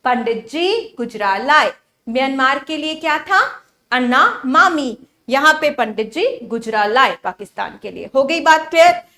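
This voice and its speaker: A woman teaching an exam-prep lesson, repeating memory tricks and checking with quick questions whether her students follow. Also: high-pitched, expressive, bright, forceful tone. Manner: mixes English phrases into Hindi teaching.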